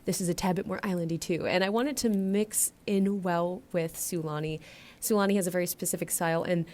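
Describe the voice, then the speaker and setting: An American woman talks in a slightly low-pitched voice that sounds blocked in the nose, as if getting over a chest cold. She runs a little short of breath. Her delivery is a chatty, rambling, informal commentary for a gaming video. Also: fairly even intonation, brisk, a little mellow. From United States. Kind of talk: casual scripted-loose voiceover commentary.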